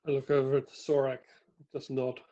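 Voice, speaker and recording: A man's voice: medium pitch, monotone, moderate pace, warm tone, dull audio. Easygoing man at a game table. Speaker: player. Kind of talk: tabletop game play over a stream.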